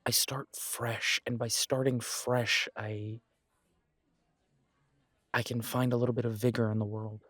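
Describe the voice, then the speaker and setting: A man with a mid-range, fairly bright voice and level tone, recorded with no room sound, plays a warm best friend in a conversational roleplay. Self-deprecating and gently earnest, he's encouraging and reassuring, chatty, and pauses to reflect.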